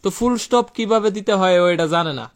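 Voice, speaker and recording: A man's voice: high voice, quick pace. A young man tutoring physics in a live online class, chatty and colloquial, repeating key terms and asking students questions. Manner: repetitive, asks students questions and reads their answers.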